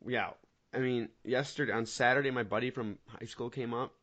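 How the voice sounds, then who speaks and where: A mid-range male voice, a little fast, belongs to a mid-twenties podcast co-host. He fills the casual chat with rambling, animated stories and laughs, though the audio is dull and lo-fi.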